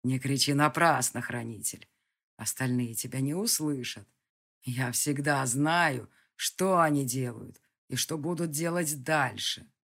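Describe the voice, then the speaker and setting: An audiobook reader voicing a calm, menacing male villain who speaks slowly and coldly. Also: medium pitch, gravelly, pitched below the performer's own voice. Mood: calm menace. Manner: slow, measured, cold. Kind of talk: audiobook character voice.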